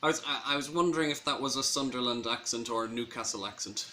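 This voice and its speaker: A man asks casual interview questions in a bright voice of medium pitch. A faint noise sits behind his talk. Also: fast talker.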